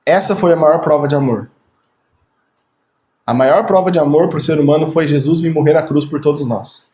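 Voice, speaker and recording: A man's voice: fairly high pitch, normal speed, darkish tone. A man from Brazil preaching in a loose, chatty way, with a voice that sits well above the usual male range. He keeps checking in with his listeners and leans on repetition to drive his points home. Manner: chatty, tags phrases with "né?", repeats words for emphasis. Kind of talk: casual conversational sermon.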